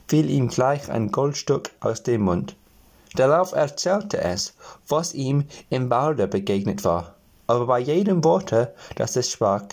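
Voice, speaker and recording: A man with a mid-range voice reads a fairy tale aloud as a storyteller, telling it gently and now and then speaking directly to his listeners.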